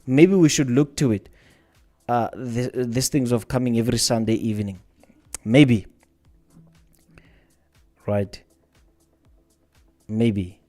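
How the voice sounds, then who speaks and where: A man's voice: medium pitch, slow, long pauses, dark tone, faint music behind. A man hosting a trading livestream, talking casually and rambling, often repeating his words while answering viewers' questions. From South Africa.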